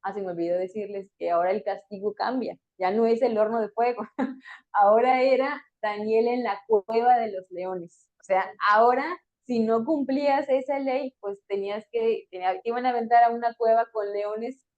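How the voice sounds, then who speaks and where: A woman's voice: fairly high pitch, steady tone, normal speed. A woman teaching a Bible story in a conversational way, with fillers and small laughs between phrases. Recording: dull lo-fi recording.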